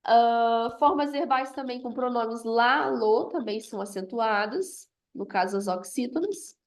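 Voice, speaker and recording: A woman's voice: a little high, measured pace. A woman teaching a grammar review lesson, explaining step by step and often checking in with "ok?".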